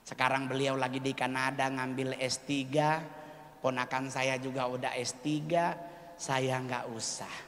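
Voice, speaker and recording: A man performing stand-up comedy on stage, telling stories with animated, exclaiming mock distress. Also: mid-range voice, a little slow, a little hiss or hum. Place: large hall with an audience. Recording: reverberant hall, faint ambience.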